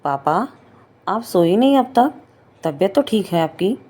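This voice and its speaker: A woman's voice: mid-range voice, animated, a little slow, dark tone, slightly rough. A woman reading as a shy young daughter-in-law. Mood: hesitant. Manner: hesitant, respectful. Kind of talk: storybook reading.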